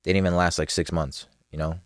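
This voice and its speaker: A man's voice: deep voice, level tone, fast, no room sound, clean studio sound. A young man from New chatting casually as a podcast guest, laid-back, laughing often and using street slang. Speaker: podcast guest, clothing brand co-owner.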